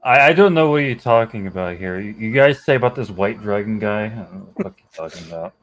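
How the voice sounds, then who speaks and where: A man's voice: fairly low pitch, expressive, fast talker. A man bantering on a casual comedic podcast, exasperated and swearing often.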